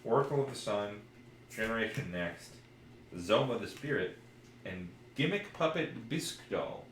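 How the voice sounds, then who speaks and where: A man co-hosting a podcast chats casually while opening packs of trading cards, reading the cards out as he goes. His voice is on the low side and a bit bright, with lively intonation and a normal speed. The room is echoey, with faint background noise.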